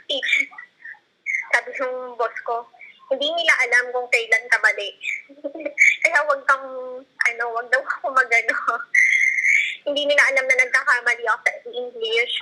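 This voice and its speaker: Bright, hesitant woman in her thirties. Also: fairly high pitch, fairly even intonation, moderate pace, long pauses, poor audio. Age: 30s. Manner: hesitant, searching for words, frequent fillers, laughing. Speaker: guest, former tutor. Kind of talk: casual conversation.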